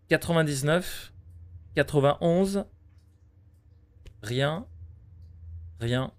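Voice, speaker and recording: A man in his thirties with a medium-pitched voice streams a game. He talks casually, mutters his reasoning to himself and turns to address his chat. The delivery is informal live commentary. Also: darkish tone.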